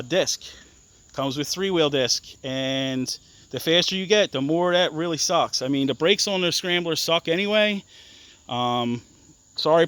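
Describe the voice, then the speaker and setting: A man casually walking through the mods on his off-road bike, halting with lots of ums and restarts, blunt and a bit profane. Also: on the high side, pushed and bright, clear, resonant tone, dry recording. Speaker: ATV owner explaining his bike mods. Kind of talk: casual walkaround explanation.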